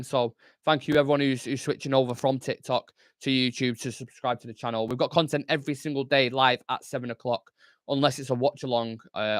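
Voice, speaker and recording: A man's voice: mid-range voice, fairly bright tone, no echo. A young man chats loosely through a live football watchalong, swearing freely and answering viewers as he goes. His voice sits in a middle register. The recording is dry and close. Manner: casual, chatty, swears freely, reads chat aloud. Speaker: fan channel host.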